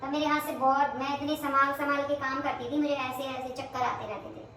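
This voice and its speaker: A woman's voice: sits high, level tone, brisk, a bit bright. A woman in her thirties chatting casually while she cooks in her home kitchen, trailing off as she works. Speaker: home vlogger. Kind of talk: casual cooking chat to camera. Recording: echoey kitchen from far off, noisy.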